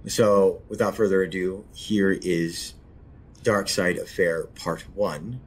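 A man hosting his own show, speaking softly and hesitantly with many pauses and fillers. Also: low voice, fairly even intonation, breathy edge. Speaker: podcast host. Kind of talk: casual spoken introduction.

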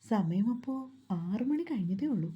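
Husky, mellow woman telling a story. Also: mid-range voice, expressive, normal speed, dull audio. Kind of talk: story narration.

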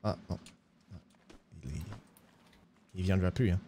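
Slow and mellow, a man stays in character as a bumbling, broke cowboy for a western roleplay. With an affected accent and sliding pitch, he begs dramatically, adding "hein" to his lines.

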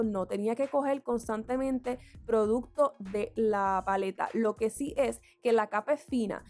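Chatty woman vlogger, fairly high voice. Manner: candid, chatty, explains each step. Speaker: beauty vlogger. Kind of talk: get-ready-with-me makeup tutorial chat.

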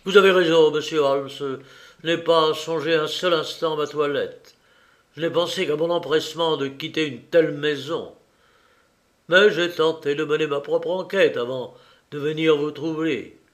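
A man reading an audiobook, voicing a portly, pompous older gentleman who speaks in a stiff, huffy, self-important way. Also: fairly high pitch, fairly even intonation, moderate pace, lightly acted. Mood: flustered, pompous.

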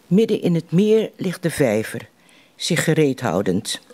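Slow, high-voiced man reciting poetry. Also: darkish tone. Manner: deliberate phrasing with long pauses between lines. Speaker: poetry reciter at a literary evening.

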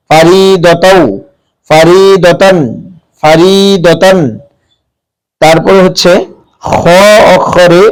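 A man teaching readers how to pronounce letters, drawing out his example words slowly, with frequent "ah" fillers. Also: high-pitched, rough recording. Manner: slow, drawn-out demonstration of pronunciations with frequent "ah" fillers. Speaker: Quran reading teacher. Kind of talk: explanatory recitation lesson.

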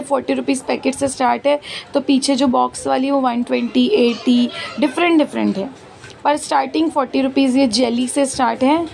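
A woman's voice: sits high, creaky, a little mellow. A woman, chatting and listing prices as she walks a busy outdoor street market, filming on a phone. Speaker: market vlogger. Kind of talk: walking market tour vlog. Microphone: handheld phone camera. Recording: street noise in background. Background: street market ambience.

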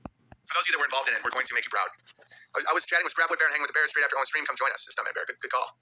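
A man's voice: medium pitch, sharp tone, poor audio. A man hosting a livestream, reading viewer letters aloud and ranting in a combative, profane way. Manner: fast, combative, profane, reads donor messages aloud. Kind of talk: rapid, heated livestream rant.

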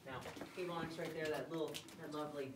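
A woman's voice: deep voice, steady tone, quick pace, background noise. A woman working as a cave tour guide, addressing a group, her voice echoing off the rock walls. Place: inside a cave, recorded by a visitor's camera. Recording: echoing cave, distant mic, loud music.

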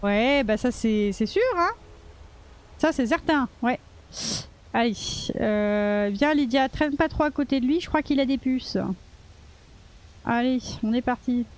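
A woman's voice: a little high, unhurried. A woman streamer giving casual, playful commentary while playing a video game, swearing freely and talking back to the characters. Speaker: gaming streamer. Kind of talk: casual let's-play commentary.

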